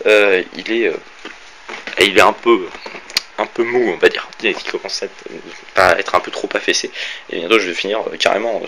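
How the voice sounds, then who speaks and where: A deep, fairly bright male voice comes through poor audio as a young YouTuber from France, accented from the Orléans area, rambles through a tour of his bedroom and gear. He films handheld on a cheap phone that adds faint hiss, and he uses many fillers and self-corrections.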